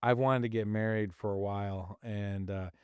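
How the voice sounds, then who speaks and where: A middle-aged man hosting a podcast, telling a personal story in a casual, animated way and laughing often. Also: fairly low pitch, normal speed, clear, resonant tone, no echo. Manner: animated, laughs often, acts out quoted voices. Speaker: podcast host.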